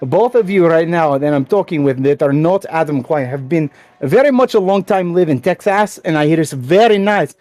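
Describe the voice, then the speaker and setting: Guy doing a bragging russian driver, thick fake accent, broken english, kinda high voice, dry sound. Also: normal speed, no room sound, natural voice. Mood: mocking. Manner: deadpan comic bragging. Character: boastful Russian male racing driver, proud and gruff. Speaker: guest driver. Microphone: voice call.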